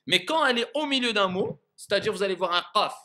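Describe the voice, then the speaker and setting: A man's voice: sits high, animated, quick pace, bright, forceful tone. A man teaching a Quran recitation lesson in a classroom style. He speaks patiently, demonstrates sounds aloud and checks often that his students understand.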